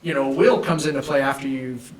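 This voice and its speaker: A man speaking as an estate planning attorney, explaining legal steps in a measured, plain-spoken way on a casual podcast. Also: mid-range voice, a crowd in the background.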